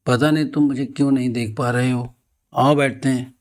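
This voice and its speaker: A male storyteller voicing the ghost of a young woman who talks gently and teasingly, with his voice lifted a little higher. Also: steady tone, normal speed, lightly acted. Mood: coaxing.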